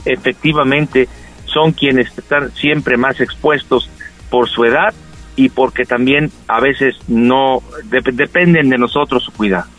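Speaking a little slowly in a mid-range voice, a male doctor guests on a radio health slot and patiently explains health advice. His manner is calm, with fillers, over faint background music, and the recording is rough.

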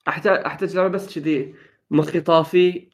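A man's voice: on the high side, steady tone, fast, a crowd in the background. A young man in casual gaming chat, upbeat and enthusiastic, slipping English phrases into his talk. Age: young adult.

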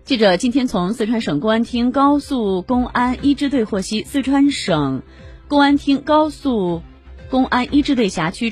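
A woman reads scripted radio news in a mid-pitched voice. Her intonation is lively, with faint music underneath.

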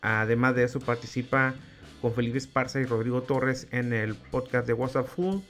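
A podcast host in his forties with a Mexican accent introduces the show and chats casually with a guest, using slang and swearing freely. His medium-pitched voice is steady and a bit bright, at normal speed, with soft music in the background.

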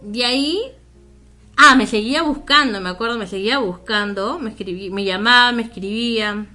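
A woman's voice: fairly high pitch, normal speed, sharp tone, faint music behind. A woman, co-hosting a casual chat and telling a personal story in a candid, self-mocking way with frequent laughs.

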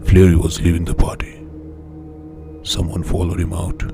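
A man voicing a wary, hardened street eyewitness with a gravelly voice, over music. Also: low-pitched, monotone, normal speed. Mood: guarded. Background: music bed.

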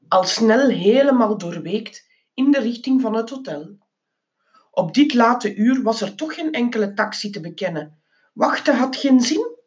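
A woman reading a children's book aloud, expressive and with small slips and restarts. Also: a little high. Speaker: reader.

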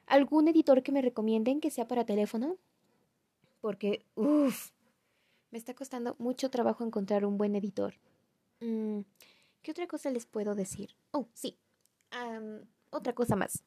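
A woman's voice: fairly high pitch, moderate pace, pauses often, dark tone, dry recording, studio quality. A young woman with a Mexican accent, casually telling a family story to viewers, chatty and self-mocking. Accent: Mexican Spanish. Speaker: vlogger.

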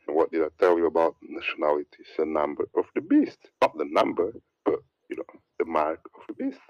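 Heard on a dry, lo-fi recording, a man rants through a preachy religious monologue. He rambles, repeats words and lists, and mimics others in a fake high voice to mock them.

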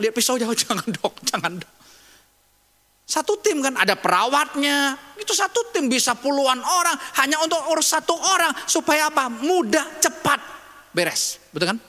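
A man's voice: very high-pitched, pushed and bright, long reverb tail. A man preaching a sermon as pastor, talking emphatically in a conversational way and asking rhetorical questions.

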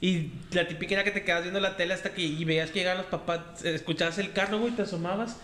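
Bright-voiced young man, echoey room. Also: high-pitched, fairly even intonation, very fast, a little hiss or hum. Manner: laid-back joking, heavy slang. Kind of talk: casual chat.

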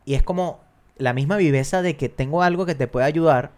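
A man in casual film talk, animated and acting out lines from scenes. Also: a little high, a little fast. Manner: animated, acts out movie lines.

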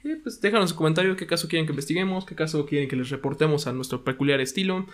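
A man's voice: on the high side, rapid-fire. A young man co-hosting a casual true-crime podcast, rambling and hesitant with casual swearing. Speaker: podcast co-host.

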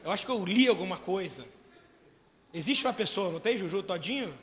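A man preaching a sermon, questioning his congregation and swelling to shouts. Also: high-pitched, expressive, fairly quick, big-room sound. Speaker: pastor.

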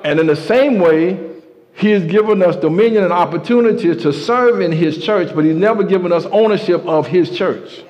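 A man's voice: sits high, moderate pace. A man preaching a sermon to his congregation, emphatic, with call-and-response. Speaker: pastor. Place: church sanctuary. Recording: muffled sound with a long hall reverb.

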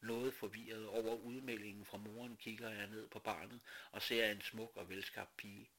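A man reading a first-person story aloud slowly and dramatically, dropping to whispers and rising to outbursts. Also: fairly low pitch, flat delivery, fairly bright tone.

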